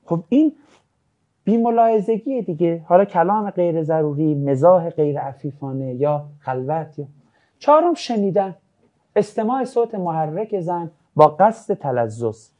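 A man's voice: fairly high pitch, muffled recording. A man teaching a religious ethics class, lecturing casually and acting out anecdotes with jokes. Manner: lively, jokey, acts out anecdotes.

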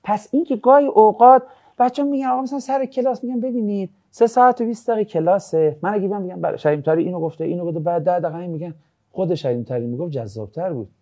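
A man teaching a religious ethics class, lecturing casually and acting out anecdotes with jokes. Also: sits high. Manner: lively, jokey, acts out anecdotes.

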